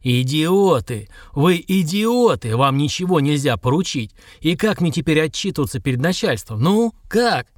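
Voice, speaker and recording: Man voicing a furious cold male boss, shouty and slow, audiobook. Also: on the high side, lively intonation, no echo, studio quality. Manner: shouting, berating, slow heavy delivery.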